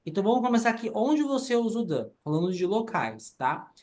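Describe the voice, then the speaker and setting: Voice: mid-range voice, very animated, a little fast, a little mellow. A teacher talks through grammar rules one at a time. The delivery is methodical, with frequent short check-ins to the class. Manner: explains rules step by step, often ends with "tá?". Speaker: English teacher.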